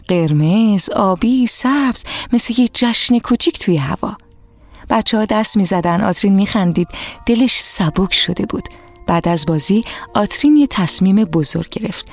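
A woman narrating a storybook for children, lively and expressive, speaking to the young listeners directly. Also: medium pitch, no echo.

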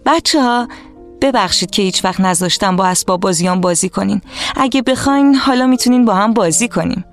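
A woman's voice: medium pitch, soft background music, lightly acted. A woman voicing a proud, spoiled young boy in a children's story, boastful and sulky. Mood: eager. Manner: sulky and boastful at first, then softer.

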